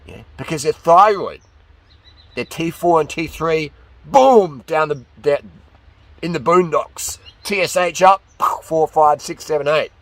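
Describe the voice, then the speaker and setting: A man giving a casual, opinionated monologue as a fitness vlogger, talking in an excitable, slangy, ranting way. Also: on the high side, measured pace, no echo.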